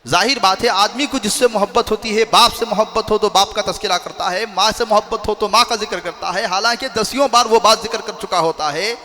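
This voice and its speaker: A male preacher delivers a sermon in a high, bright voice, telling his story with passion. He swings from quiet narration to loud, declamatory speech. A long hall reverb trails each phrase. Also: brisk, few pauses. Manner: impassioned, rising to loud declamation in quoted speech. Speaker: mufti preacher. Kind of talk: Urdu-Hindi religious sermon, storytelling.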